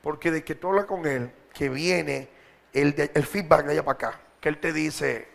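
Gravelly high-voiced preacher. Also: male voice, normal speed. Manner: direct, colloquial exhorting to a congregation. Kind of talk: sermon.

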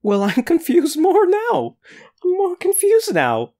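Excitable gamer with wildly swinging pitch. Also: slow. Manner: excitable, playful. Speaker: gaming video host. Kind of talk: casual let's-play commentary.

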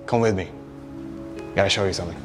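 A man's voice: deep voice, quick pace, over music, lightly acted. A man playing an eager, pushy schoolboy. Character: hyped teenage boy friend pushing vapes.

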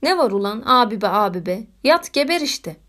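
A woman's voice: sits high, lively intonation, moderate pace. A woman voicing a brusque, embarrassed young man who snaps and barks orders at a boy. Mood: snapping. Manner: snapping, gruff outbursts.

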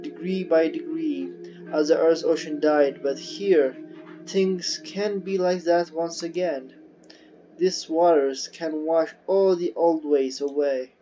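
A man reading aloud the lines of a woman scientist exploring an alien ocean, slow and earnest, with halting restarts. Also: fairly high pitch, dark tone. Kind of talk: reading game dialogue aloud. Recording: dull lo-fi audio with game music.

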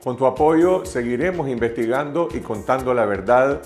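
An older man in a studio making a scripted donation appeal straight to camera on a lapel mic, calm and measured. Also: medium pitch, soft background music. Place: studio in front of a graphic backdrop.

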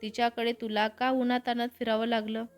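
A woman's voice: fairly high pitch, little pitch movement, brisk, soft background music, natural voice. A woman voicing a cautious, questioning young man in a storybook reading.

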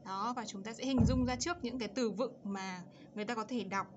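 A woman teacher walks young learners through an English exercise, drawing out English words and their sounds so each one is clear. The recording is a little dull, with a faint hiss behind her. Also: fairly high pitch, brisk. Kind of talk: explaining an English lesson for children.

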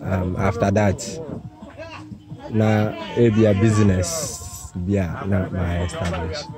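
A man with a Ghanaian accent, answering slowly and hesitantly. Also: sits low, flat delivery, music in the background. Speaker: interviewee. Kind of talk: casual answers.

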